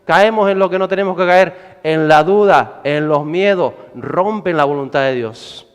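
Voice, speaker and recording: A man preaching a sermon, animated, acting out scenes with shouts and character voices. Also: on the high side, unhurried, clear, resonant tone. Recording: hall reverb.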